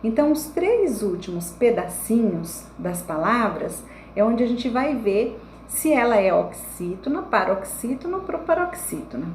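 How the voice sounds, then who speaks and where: A young woman teacher giving a recorded online lesson to children, explaining slowly and checking in with frequent tag questions. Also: on the high side, very animated, a little mellow. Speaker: primary school teacher. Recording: echoey room with faint background noise.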